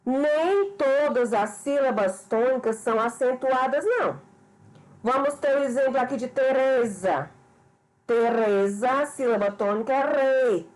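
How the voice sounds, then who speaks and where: A woman teacher from Brazil talks her students through a grammar lesson. She speaks slowly, with a voice pitched a little high, and explains each point patiently. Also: low-quality recording. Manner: slow, explanatory, addresses students as "pessoal". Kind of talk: remote school lesson.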